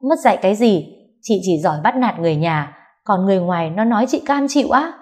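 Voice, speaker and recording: A woman voicing a fiery, foul-mouthed young woman who shouts insults in sharp, combative bursts. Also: mid-range voice, lively intonation, normal speed, close to an everyday voice. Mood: furious.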